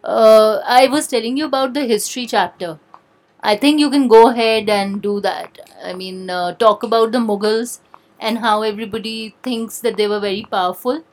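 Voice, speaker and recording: Woman, hesitant mother, fairly high voice. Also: steady tone, moderate pace, rough recording. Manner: hesitant, explaining with many fillers. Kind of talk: casual family talk.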